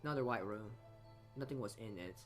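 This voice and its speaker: A fairly low-pitched male voice, a little fast, narrates a visual novel for a let's play. He reads the game text with asides, often stumbling and going back over lines, while game music plays.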